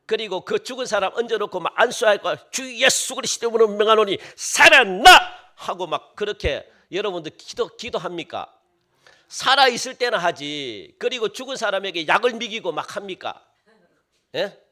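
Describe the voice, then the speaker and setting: A man's voice: high-pitched, lively intonation, normal speed, pushed and bright. A man preaching a sermon as pastor in a church, putting questions to the congregation and rising into emphatic bursts. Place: church sanctuary.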